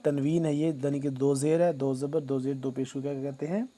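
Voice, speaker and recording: Man teaching quran recitation, very dark mellow voice, flat delivery, slow loud recitation then quick soft explanations. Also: medium pitch. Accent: Pakistani Urdu. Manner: recites slowly and loudly, then explains rapidly and quietly with teaching questions.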